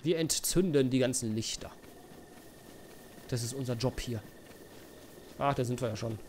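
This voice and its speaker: A man's voice: medium pitch, normal speed, a little mellow, slight background noise. A young man hosting a let's play, giving casual, sarcastic, joking commentary with mumbled asides.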